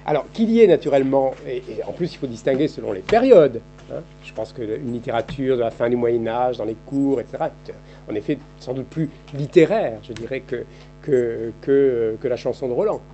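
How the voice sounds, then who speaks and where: Mellow-voiced man lecturing, halting restarts. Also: medium pitch, soft background music. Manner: thinking aloud, frequent halting restarts and repeated words. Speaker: historian giving a seminar talk. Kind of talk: academic seminar lecture. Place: seminar room. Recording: dull, lo-fi archive seminar recording.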